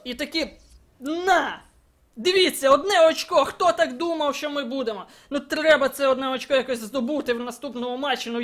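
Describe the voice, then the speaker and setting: A young man commenting live on his own football video game match, excitable and bursting into shouts at big moments. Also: very high voice. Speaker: gaming channel host.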